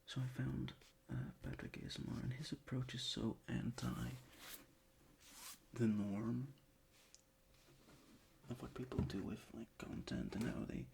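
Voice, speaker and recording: Sitting at a desk in his bedroom, a man who is a non-native English speaker chats for ASMR in a mostly unvoiced whisper, rambling, losing track, and restarting often. His mid-range voice stays steady in tone, runs a little slow, and pauses frequently. The rough home recording carries clear background noise along with crinkling and crumpling objects.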